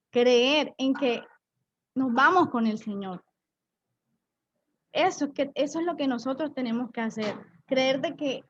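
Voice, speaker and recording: A woman's voice: high voice, a little mellow, muffled recording. A woman giving an earnest church testimony, often repeating and restarting her phrases. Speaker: pastor's wife giving testimony.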